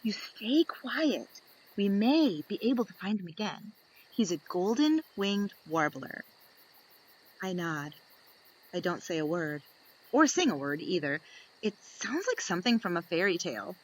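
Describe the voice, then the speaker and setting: A woman with a medium-pitched voice reads to young children, telling the story expressively. She takes her time and relishes dramatic pauses. The recording is rough.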